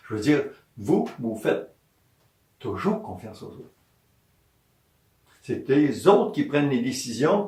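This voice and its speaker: A man with a Quebec French accent, a massage therapist giving an informal health talk, repeating his points and asking and answering his own questions. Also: fairly low pitch. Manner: animated, repeats points, asks and answers himself. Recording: echoey room, mic at a distance.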